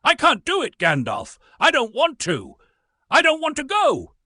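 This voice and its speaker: Small timid hobbit, played by a man, shrill pleading voice, husky. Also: wildly swooping pitch, moderate pace, sharp tone, dry recording, clean studio sound, exaggerated voice. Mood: desperate. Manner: high pleading shrill outbursts. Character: timid frightened male hobbit, small and fretful.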